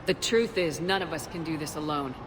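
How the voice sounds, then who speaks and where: An actress playing a composed, resolute military commander in a video game, with a measured, direct, dry delivery. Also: female voice, deep voice, in a large hall, noisy background, close to an everyday voice. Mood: firm, persuasive. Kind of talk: cinematic video game acting.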